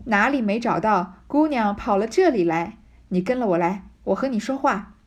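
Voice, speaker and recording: A woman's voice: medium pitch, lively intonation, moderate pace, lightly acted. A woman doing a wheedling, fawning sister-in-law. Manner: wheedling, coaxing, secretive.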